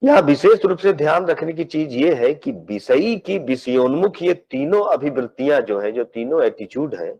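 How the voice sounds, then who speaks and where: A male philosophy professor gives a measured academic lecture, explaining step by step, repeating words as he hunts for phrasing, and mixing in English technical terms. His voice is a little high and darkish, with lively intonation, on a rough recording.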